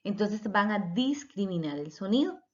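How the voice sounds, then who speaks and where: A woman's voice: mid-range voice, sing-song, normal speed, darkish tone. A woman teacher giving a recorded lecture, explaining step by step and sounding out letters and syllables. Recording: dull lo-fi recording.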